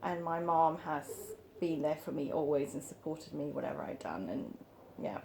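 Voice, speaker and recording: A woman in her forties who grew up in Sweden answers interview questions about her art in a low, unhurried voice. She pauses often and fills gaps with ums. A faint hum of ambience sits behind her. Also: big pitch swings, creaky, dark tone. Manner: thoughtful, hesitant, with frequent ums and light laughs. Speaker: artist, interview guest.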